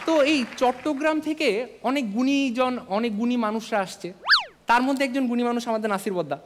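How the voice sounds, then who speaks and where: A man's voice: extremely high pitch, a little fast, over a noisy crowd. A man with a Bangladeshi accent, telling stand-up comedy stories and acting out dialogue on stage. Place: indoor TV comedy stage before an audience. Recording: reverberant stage hall, loud audience noise.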